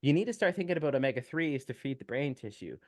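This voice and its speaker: A man talking as a nutrition expert in a relaxed podcast chat. His voice sits at an ordinary middle pitch, and the recording is dry and close. He explains technical details steadily, with many small fillers along the way. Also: fast, no room sound. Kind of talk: casual podcast interview.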